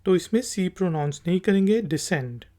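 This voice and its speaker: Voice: mid-range voice, expressive, a little fast, dark tone. A language teacher from Pakistan giving a patient lesson, spelling each word letter by letter and repeating it. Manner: patient and repetitive. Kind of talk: explanatory lesson.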